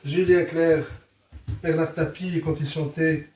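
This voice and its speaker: In a roomy kitchen, a little away from the mic, a man with a Moroccan accent hosts a cooking vlog. His voice is high for a man, and he talks in a chatty, jokey way, addressing viewers as his friends. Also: steady tone, slow pace, a little mellow. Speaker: host, home cook presenting a recipe. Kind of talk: casual cooking vlog chat. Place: indoors in a home kitchen. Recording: roomy, distant mic, faint noise.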